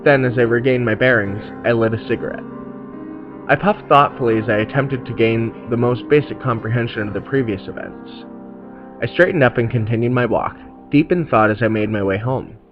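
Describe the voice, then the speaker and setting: A man reading a horror story aloud in measured scripted narration. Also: mid-range voice, dull audio, music in the background.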